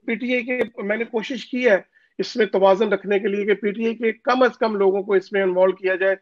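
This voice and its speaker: An overseas community leader from Pakistan, appearing as a guest in a political interview, talks briskly in a high-pitched, steady voice. The phone call audio sounds dull and dry. He is insistent and uses many hesitant fillers.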